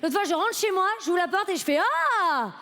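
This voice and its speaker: On a comedy festival stage before a live audience, a woman in her late twenties performs stand-up, chatting and poking fun at herself as she addresses the crowd directly. Her voice is very high-pitched and a bit bright, and she talks fast.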